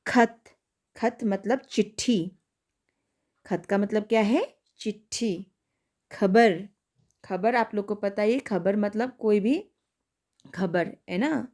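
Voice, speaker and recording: Slow, careful woman teaching young kids. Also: medium pitch, a little mellow. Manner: slow, carefully spelled-out pronunciation drills; asks questions and answers them herself. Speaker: primary school teacher. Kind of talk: online classroom lesson for young children.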